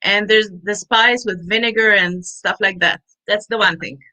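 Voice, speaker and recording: A woman's voice: medium pitch, fairly even intonation, moderate pace, sharp tone, poor audio. A middle-aged woman from Egypt, chatting as an interview guest about her work as a business consultant, laughing often and restarting her sentences. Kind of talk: casual interview chat.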